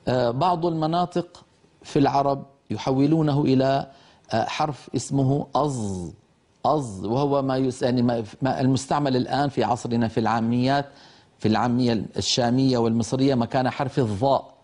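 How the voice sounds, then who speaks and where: A man's voice: mid-range voice, brisk, a little mellow. An older man teaching Quran recitation, patiently explaining letter sounds and demonstrating how they are pronounced. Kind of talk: lecture on pronunciation.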